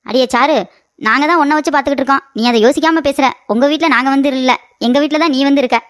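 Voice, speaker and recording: A woman voicing a bickering older mother-in-law in a cartoon comedy, scolding with quick sarcasm. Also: high voice, dry recording, clean studio sound, natural voice.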